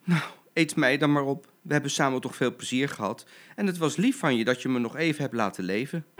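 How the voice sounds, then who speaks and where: An older man voicing a tiny frightened baby zebra with a quavering, squeaky little voice in a storybook. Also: a little fast, fairly bright tone, faint music behind, lightly acted. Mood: resigned.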